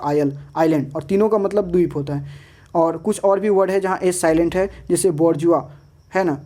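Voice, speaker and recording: A woman teaching an English lesson, reading each rule out slowly, then listing example words. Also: fairly low pitch, warm tone. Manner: slow deliberate reading of rules, then lists examples; switches between Hindi and English. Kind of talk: explaining lesson over slides.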